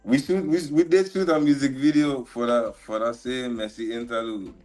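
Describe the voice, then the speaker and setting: A man, a music producer talking casually as a guest on a live stream, halting and full of slang. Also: medium pitch. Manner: relaxed, halting, lots of restarts and slang. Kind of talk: casual interview chat. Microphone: live stream call.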